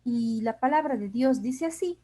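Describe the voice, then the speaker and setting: Mellow-voiced woman teaching a Bible lesson. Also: fairly high pitch, animated. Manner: unhurried, many fillers and restarts, reads scripture aloud. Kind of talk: Bible study lesson with slides.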